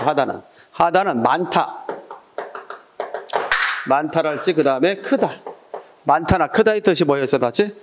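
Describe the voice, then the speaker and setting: Male lecturer, middle-aged, slightly high voice, exam-prep class, drills students with call-and-response questions. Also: a little hiss or hum.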